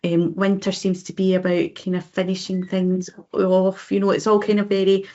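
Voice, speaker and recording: A woman's voice: mid-range voice, little pitch movement, normal speed, mellow. Chatty Scottish woman, slightly dull sound. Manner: chatty, frequent ums and uh-huhs. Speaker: podcast co-host. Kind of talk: casual book chat.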